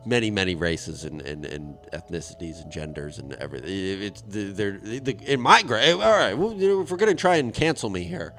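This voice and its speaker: A man's voice: low-pitched, sing-song, fairly quick, few pauses, fairly bright tone, soft background music. A man hosting a comedy podcast from home, riffing in a rambling, profane monologue. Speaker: podcast host.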